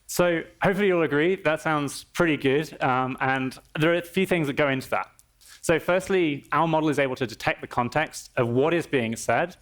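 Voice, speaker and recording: A man presenting a live software demo on a conference stage, explaining in a conversational way with frequent restarts. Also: a little high. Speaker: engineer presenting a product demo.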